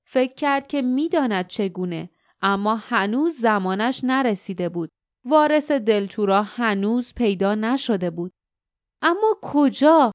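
A woman narrating an audiobook in a clear, even reading voice. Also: medium pitch, no room sound, clean studio sound. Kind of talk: scripted narration.

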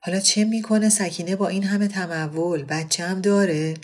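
A woman's voice: lowish voice, steady tone, lightly acted. A woman voicing a jolly teasing aristocratic lady. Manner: playful, joking, exclaiming. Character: jovial teasing aristocratic lady, quick to laugh.

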